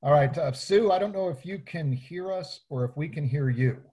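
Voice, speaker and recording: Relaxed mayor, dark mellow voice. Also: male voice, fairly high pitch, moderate pace. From Hawaii. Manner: relaxed, hesitant with fillers. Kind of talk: casual meeting introductions.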